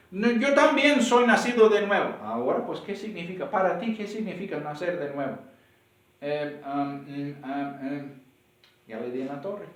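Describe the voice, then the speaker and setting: A male pastor with a Mexican accent preaches with lively, animated delivery and a slightly high voice. He acts out back-and-forth exchanges as he talks. His voice comes from a distance in an echoey church hall. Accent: Mexican Spanish. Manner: animated, acts out dialogues with rising pitch. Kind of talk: sermon. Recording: echoey room, voice from far off.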